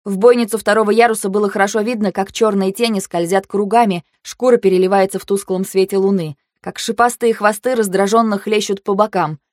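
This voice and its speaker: A woman narrating a fantasy audiobook in the first person, in an expressive, vivid way. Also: medium pitch, fairly quick, few pauses, no room sound, clean studio sound.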